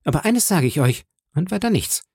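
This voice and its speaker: A man's voice: high voice, sing-song, fairly quick, gravelly, darkish tone, breathy edge, no room sound, studio quality, voice pushed up, heavily acted. A man reading an audiobook, voicing a bold, defiant boy cabin hand who speaks steadily.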